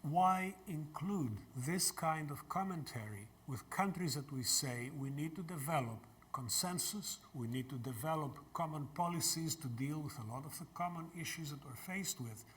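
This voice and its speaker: An older man from Greece, giving a university lecture and taking audience questions in a measured way. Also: fairly high pitch, animated, fairly bright tone. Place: lecture hall.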